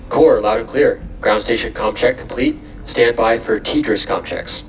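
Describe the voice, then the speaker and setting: A man's voice: medium pitch, lively intonation, moderate pace, creaky. A man as mission communicator, making clipped, formal, procedural calls over astronaut radio. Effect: radio transmission. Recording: distant radio with faint noise.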